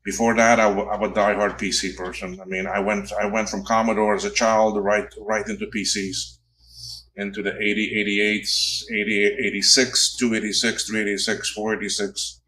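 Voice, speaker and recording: On a low-quality recording with a bit of hiss or hum, a man in his fifties livestreams himself repairing old computers. His lowish voice is level, bright and forceful at a moderate pace, and he rambles and self-corrects as he tinkers.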